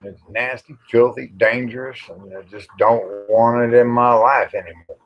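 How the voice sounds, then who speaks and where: Dull, lo-fi livestream audio carries a middle-aged or older American man hosting a loose, rambling chat. He talks at normal speed in a medium-pitched, steady voice, keeping things folksy and plain with the occasional mild cuss word.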